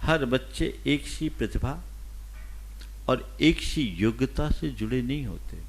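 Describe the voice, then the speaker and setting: A man who is a Jain monk, preaching slowly and emphatically, his voice swinging between loud and soft. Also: medium pitch, expressive. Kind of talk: sermon.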